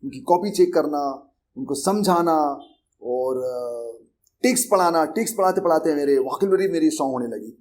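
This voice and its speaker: A middle-aged man with an Indian accent, founder of a coaching institute and an English teacher, gives a Hindi lecture on learning English. His voice is fairly high, a little mellow, at a moderate pace, and he teaches earnestly and conversationally, sprinkling in English terms and often repeating himself.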